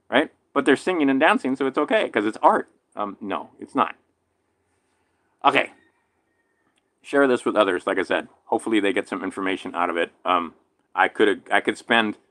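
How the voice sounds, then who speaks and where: Man with a slight lisp, rambling. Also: dry recording. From island in Hawaii. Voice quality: slight lisp from a damaged tooth. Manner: animated swings between loud emphatic bursts and low mutters, swears casually. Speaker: vlogger. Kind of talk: rambling monologue.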